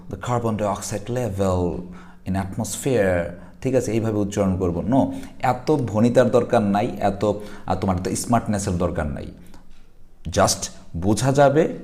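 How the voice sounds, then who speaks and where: A man's voice: lowish voice, dark tone. A man teaching an exam passage in a chatty way, often stopping to check that students follow. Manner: conversational, frequent check-ins and fillers. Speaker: English teacher. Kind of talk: exam lesson explaining a passage.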